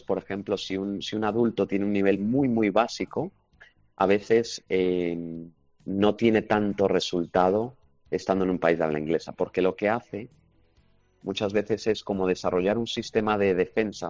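A man's voice: low voice, normal speed, darkish tone, no echo, soft background music. A man, answering interview questions as a language teaching expert, confident and explanatory. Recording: slightly dull lo-fi recording.

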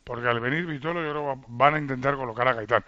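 A man's voice: mid-range voice, fast talker, bright, forceful tone, no echo, muffled recording. A man from debating as a sports radio pundit, emphatic and repeating his figures to drive a point home. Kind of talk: heated studio debate.

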